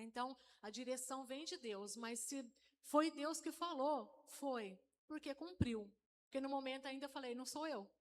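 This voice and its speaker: Woman sharing a testimony at church, a bit high voice, interior são paulo accent, tells it like a story. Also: a little hiss or hum. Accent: Brazilian Portuguese, interior São Paulo. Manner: storytelling, addresses the congregation as brothers. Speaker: church member giving a testimony. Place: church hall, live service.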